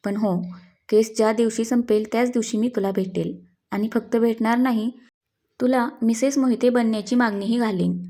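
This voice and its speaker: Brief: woman doing firm, protective young hero in an audio story, mellow and measured. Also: on the high side, steady tone. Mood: tender. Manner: firm, interrogating, then tender. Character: young man, stern, protective, quietly romantic.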